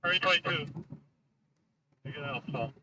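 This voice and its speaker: A man's voice: a little high, measured pace, sharp tone. A man giving terse police dispatch calls over a scanner radio that keeps breaking up. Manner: terse, reads codes and addresses. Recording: muffled noisy scanner radio.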